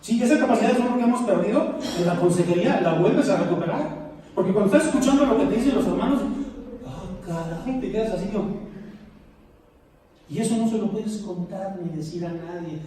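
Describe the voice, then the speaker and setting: A middle-aged Mexican pastor preaches with a high, mellow voice, weaving humorous stories into his sermon. He sounds distant from the microphone, his words ringing through a big echoey church hall with a faint hiss underneath. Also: brisk. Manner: storytelling, humorous asides to the congregation. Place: church sanctuary.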